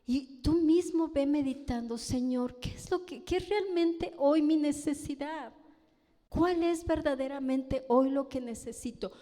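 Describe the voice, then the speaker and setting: Unhurried and mellow, a high-pitched woman delivers a sermon in a Mexican Spanish accent, putting emphasis on her words and repeatedly asking the congregation questions. She's a pastor's wife preaching, heard in a church hall with long reverb.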